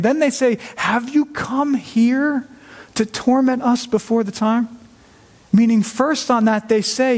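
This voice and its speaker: A man's voice: very high-pitched, a little mellow, in a large hall. A man preaching a sermon as pastor, earnest and emphatic, asking his listeners rhetorical questions.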